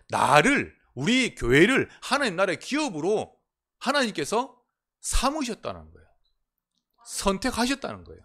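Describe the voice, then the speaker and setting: Korean pastor, lively emphatic preaching. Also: male voice, high voice. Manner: swings between emphatic proclamation and quiet, intimate asides. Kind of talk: sermon. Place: church sanctuary.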